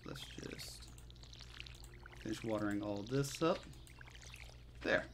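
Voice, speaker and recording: A man's voice: fairly low pitch, slow, background noise. A man giving casual let's play commentary, laid-back and muttering to himself in short phrases. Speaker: video game player and commentator.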